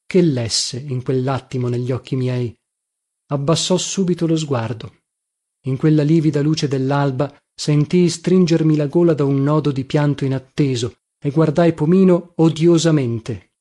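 Male audiobook reader, fairly high voice, mellow tone, measured and reflective first-person narration. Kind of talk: scripted literary narration.

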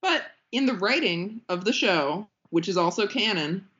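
A woman co-hosting a casual podcast, opinionated and quick to laugh. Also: mid-range voice, lively intonation, fairly bright tone, dull audio. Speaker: podcast co-host.

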